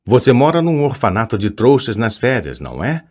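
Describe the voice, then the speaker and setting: A man voicing a frail, kindly old male headmaster with a weak, gentle voice in an audiobook. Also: mid-range voice, very animated, brisk.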